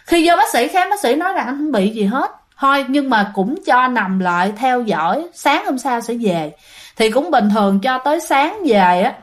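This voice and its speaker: A woman's voice: high-pitched, lively intonation, normal speed. Chatty Southern Vietnamese woman storyteller. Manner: chatty, addresses listeners directly. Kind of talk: ghost story narration.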